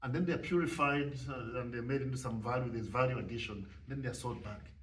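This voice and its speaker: A man from Zambia with a Zambian accent, speaking thoughtfully on a panel discussion and pausing often with fillers. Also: mid-range voice. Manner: thoughtful, halting with many fillers. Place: event hall at a panel discussion. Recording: distant mic, faint room noise.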